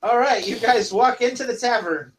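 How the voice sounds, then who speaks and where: A man's voice: very high-pitched, moderate pace, poor audio. A man narrating as dungeon master in a casual, rambling way. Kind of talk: narrating a tabletop game.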